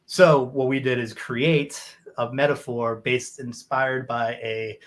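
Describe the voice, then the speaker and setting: A man's voice: medium pitch, fairly even intonation, slow, fairly bright tone. A man, a guest author, explaining his ideas in conversation, rambling with restarts and checking in with "right?".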